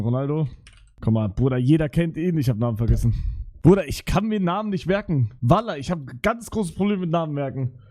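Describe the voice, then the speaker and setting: A young man chatting live on stream in a bright, high voice. He rambles in street slang and swears freely, sounding flustered as he talks. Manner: slangy, swearing, repeats "Digga" and "Bruder". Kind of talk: casual live-stream chat.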